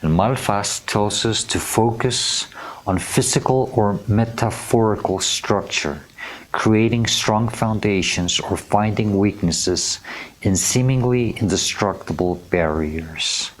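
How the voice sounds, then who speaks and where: A man with a very low voice gives a tarot reading to camera. He talks slowly and gently, reading card meanings aloud and tripping over unfamiliar names. He keeps checking in with his listeners. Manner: gentle and earnest, often checking in with "okay?". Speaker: tarot reader.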